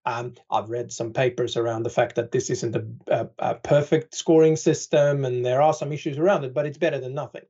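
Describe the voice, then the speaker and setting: A man's voice: mid-range voice, brisk, few pauses, mellow, breathy edge, muffled recording. A man speaking as an expert guest on a podcast, explaining things conversationally with dry sarcastic humor and many "right?" tags.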